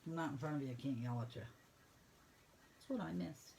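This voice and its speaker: A woman painting instructor walking students through each brush stroke in a brisk, teasing teaching manner. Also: sits low, vocal fry, dark tone, a little hiss or hum, poor audio. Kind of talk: step-by-step painting lesson.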